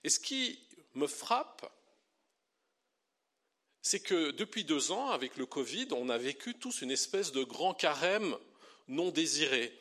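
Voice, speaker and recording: A middle-aged Belgian pastor who also teaches theology preaches a sermon in a fairly high voice. His delivery is lively, slowing down to press on key words.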